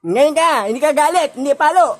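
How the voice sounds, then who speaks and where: A woman's voice: high voice, lively intonation, a little fast, darkish tone. A young woman filming her pet at home, teasing it in playful baby talk and laughing often. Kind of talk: playful home video narration.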